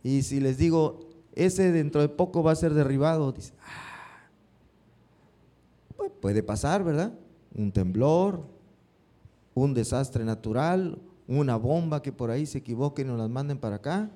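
A man's voice: medium pitch, measured pace, pauses often. A man preaching a sermon, often stopping to put questions to his congregation. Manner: asks the congregation questions, lively rising emphasis.

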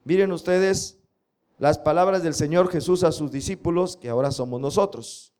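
A man preaches a sermon. He drills scripture slowly and emphatically, pausing to throw rhetorical questions at his listeners. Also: fairly high pitch, darkish tone. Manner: slow emphatic recitation of scripture, drilling the audience. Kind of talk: sermon with congregation recitation.

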